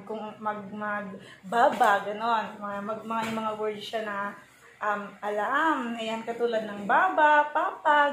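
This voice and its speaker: A woman's voice: fairly high pitch, fairly bright tone. A young Filipino woman, a full-time mom, chatting casually in a home vlog with many fillers. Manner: chatty, hesitant with many fillers, switching to sing-song baby talk. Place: room at home with a baby. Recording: echoey room, faint background noise.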